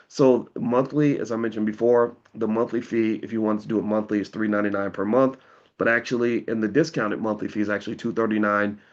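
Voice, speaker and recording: A slightly hoarse male host pitches an investing course to viewers in a casual, persuasive, plain-spoken way, often repeating words as he starts sentences over. The audio sounds dull.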